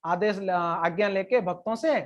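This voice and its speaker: Woman giving a chatty devotional lecture. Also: mid-range voice. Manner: plain conversational retelling, now and then reciting verse slowly. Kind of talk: storytelling religious lecture.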